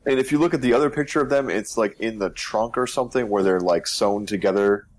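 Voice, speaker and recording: Deep-voiced man chatting casually. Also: fast talker, a little hiss or hum. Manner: rambling, thinking aloud with restarts. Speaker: co-host of a game discussion stream. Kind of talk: casual chat.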